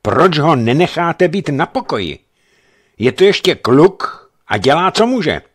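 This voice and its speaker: A man's voice: on the low side, big pitch swings, fairly bright tone. A man reading aloud and voicing a younger naval officer who speaks mildly but stands his ground bluntly. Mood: defiant. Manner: mild, then blunt and cold.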